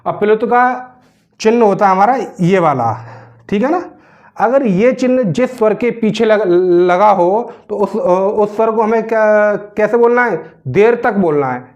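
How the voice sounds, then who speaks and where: A male teacher gives a grammar lesson, posing questions and answering them himself while checking in with students through a repeated "theek hai na". His voice sits high with a darkish tone, animated but unhurried, on a dull lo-fi recording.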